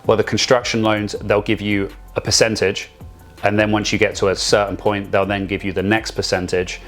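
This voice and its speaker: A man's voice: fairly low pitch, level tone, a little fast, fairly bright tone, soft background music. A man co-hosting a real estate podcast, talking in a casual, rambling way with many restarts and the odd joke. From Vancouver area. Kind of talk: casual chat.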